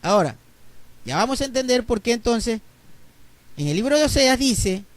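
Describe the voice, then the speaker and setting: Guy preaching a bible lesson, really high voice, dry close sound. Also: sing-song, no room sound. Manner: explains slowly, spells letters out, asks listeners ¿verdad?. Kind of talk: bible teaching sermon.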